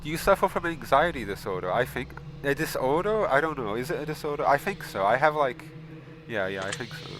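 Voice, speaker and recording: A man hosting a casual gaming video, reading questions aloud and answering them bluntly, with frequent swearing and loud exasperated outbursts. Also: medium pitch, a little hiss or hum. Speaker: gaming channel host. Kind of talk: casual game commentary.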